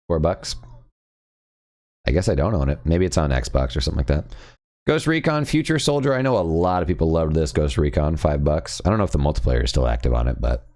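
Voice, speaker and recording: A young man with a strikingly deep, low voice chats casually on a live stream. He rambles and gets excitable, tossing out quick opinions in a loose, unscripted way. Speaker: streamer host.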